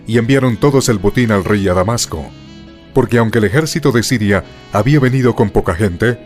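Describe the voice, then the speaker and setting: A man with a fairly low voice gives a solemn audio Bible reading. His delivery is measured and formal, as scripted scripture narration. Instrumental guitar music plays behind him.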